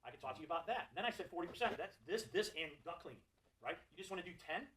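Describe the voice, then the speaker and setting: A man's voice: high voice, rapid-fire, noisy background. A man giving a live sales and service training talk to a group of technicians, joking and putting questions to people in the room. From Florida. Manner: animated, jokey, asks the audience questions.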